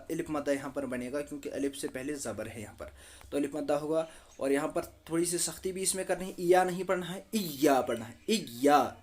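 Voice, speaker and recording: A man with a fairly high voice teaches Quran recitation with tajweed. He spells out each letter and vowel mark slowly. Then he explains the rule and answers his own questions. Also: darkish tone.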